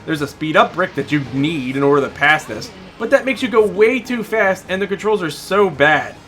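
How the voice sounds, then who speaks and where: A man's voice: sits high, animated, normal speed, a bit bright, soft background music. A man giving exasperated, sarcastic and profane commentary as he reviews a video game.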